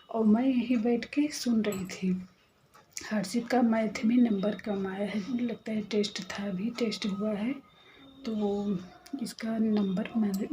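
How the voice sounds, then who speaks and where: A woman in her thirties chats to her viewers from home in a casual vlog. She tells family stories in a gossipy, confiding way and sometimes drops to a hush. Her voice sits a little high, with a mellow, warm tone. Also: slight background noise, low-quality recording. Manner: chatty, gossipy storytelling, sometimes hushed. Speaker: mother and home vlogger. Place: at home, near the kitchen.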